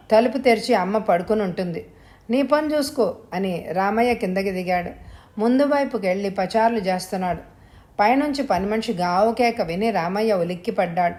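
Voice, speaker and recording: A woman reading a suspense story aloud as a steady, scripted narration. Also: mid-range voice. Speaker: audio story reader.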